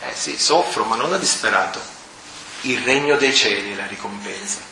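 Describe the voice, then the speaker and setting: A man from Sicily, preaching a fervent sermon to a prayer group and swelling to near-shouting on key words. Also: lowish voice, animated, moderate pace, creaky, slight background noise. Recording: echoey hall with faint ambience.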